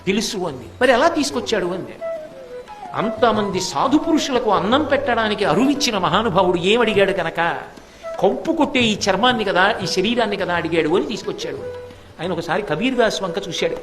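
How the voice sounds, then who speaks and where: High-voiced man telling a devotional story. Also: expressive, a little fast, over music. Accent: Telugu. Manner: dramatic storytelling, voicing the characters in quotes.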